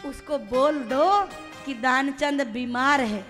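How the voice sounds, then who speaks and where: A woman's voice: high-pitched, slow pace, fairly bright tone, big-room sound, soft background music. A woman voicing a stubborn, stingy man who gives curt, bossy orders while he fakes being ill. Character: stingy rich man, stubborn miser faking illness.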